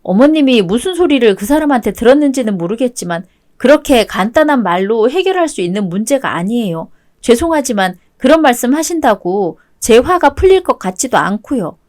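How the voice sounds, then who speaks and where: A woman narrating a web-toon radio drama in the role of a wronged wife, her voice fairly high. She speaks coldly, with a sharp, cutting edge. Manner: cold, cutting.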